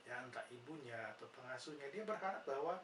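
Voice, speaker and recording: A man's voice: mid-range voice, expressive, quick pace. A man with an Indonesian accent teaching nursing psychology, patiently explaining and answering his own questions with frequent "ya" fillers. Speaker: nursing lecturer. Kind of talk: explanatory lecture conversation. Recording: roomy, distant mic, noisy background.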